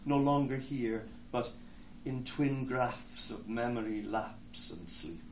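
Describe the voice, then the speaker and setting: A man's voice: mid-range voice, a little mellow. Irish man reading poems in an echoey hall. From Ireland. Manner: hesitant, many ums between phrases, slow deliberate verse. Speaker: poet. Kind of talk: poetry reading with spoken introductions. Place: lecture hall with an audience. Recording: echoey hall, distant mic, background noise.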